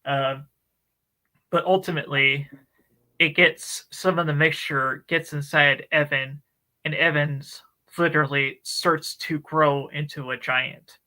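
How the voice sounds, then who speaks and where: A man's voice: on the high side, slow pace, low-quality recording. A man co-hosting a book club stream, retelling a story in casual chat with lots of fillers. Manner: animated, chatty retelling with many fillers. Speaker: book club podcast co-host.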